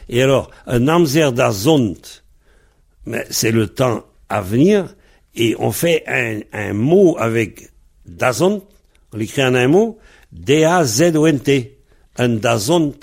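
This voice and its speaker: Slow, gravelly man teaching pronunciation. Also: mid-range voice. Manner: patient, spells words letter by letter. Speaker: Breton language teacher. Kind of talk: explanatory lesson on pronunciation.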